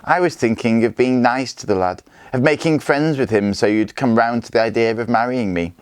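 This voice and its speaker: A man's voice: medium pitch, normal speed, smooth, no room sound, voice pushed up, close to an everyday voice. A man voicing a cruel, smug Viking warlord who talks in a mocking, self-satisfied way. His lines come from a storybook read aloud.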